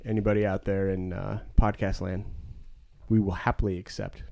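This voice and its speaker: A man's voice: low voice, little pitch movement, moderate pace, vocal fry, a little mellow. A man co-hosting a beer podcast in casual chat, friendly as he thanks listeners. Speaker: podcast co-host.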